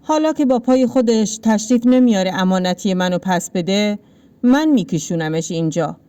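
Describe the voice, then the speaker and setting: A woman voicing a domineering village landlord in a read-aloud story, with curt, calm, menacing lines. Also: medium pitch, smooth, lightly acted. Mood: cold menace.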